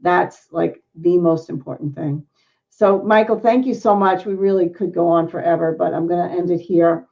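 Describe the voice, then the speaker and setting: A woman's voice: fairly low pitch, normal speed, creaky, highs cut off. A middle-aged woman hosting an interview, effusive and emotional, with many exclamations. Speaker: host. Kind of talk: casual interview chat.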